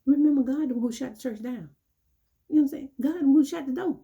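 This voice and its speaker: A woman's voice: high voice, fast talker, mellow, muffled recording. A woman preaching an informal sermon, scolding her listeners and repeatedly asking "you know what I'm saying". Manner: acts out quoted churchgoers in dialogue.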